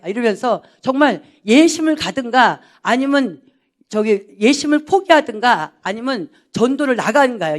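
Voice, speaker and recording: A pastor's wife giving a personal testimony, telling her story in a lively way and acting out the dialogue. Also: mid-range voice. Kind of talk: personal testimony to a church audience.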